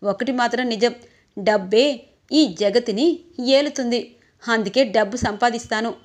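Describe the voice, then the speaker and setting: A woman voicing a defiant young man, a greedy younger brother who talks back quickly and cockily. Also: a little high, lightly acted. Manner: quick, cocky, talking back.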